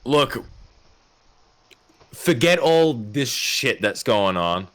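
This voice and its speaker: A man's voice: mid-range voice, animated, drawn-out words, a bit bright, voice pushed up. A man voicing a cryptic male stranger obsessed with fate, preachy and warning, swearing. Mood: urgent.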